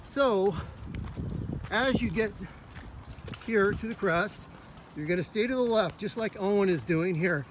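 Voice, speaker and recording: His high-pitched voice has a lively intonation as he unhurriedly explains a cross country route while walking it, pausing often. The man coaches in an upbeat, instructive way, a bit winded, on a park trail where faint outdoor sounds come through.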